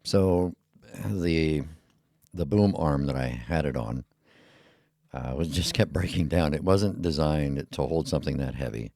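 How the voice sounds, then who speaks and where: Rumbly, gravelly bass-voiced male podcaster. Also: measured pace, warm tone, no room sound, studio quality. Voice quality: rumbly, low voice. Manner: mumbly, rambling, with many fillers. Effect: equalizer filter on the mic. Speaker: podcast host. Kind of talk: casual solo podcast monologue. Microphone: heavy dynamic podcast mic on a boom arm.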